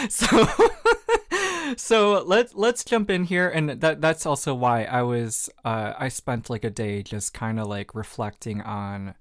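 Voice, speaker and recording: Male solo podcast host, reflective and candid, slow delivery, dry close-mic sound. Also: medium pitch, no echo. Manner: reflective, candid, self-deprecating, with frequent fillers.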